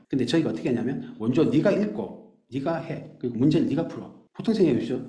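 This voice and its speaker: A man teacher explaining his math classes to parents, animated, acting out quick scenes of teachers and students. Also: medium pitch, echoey room.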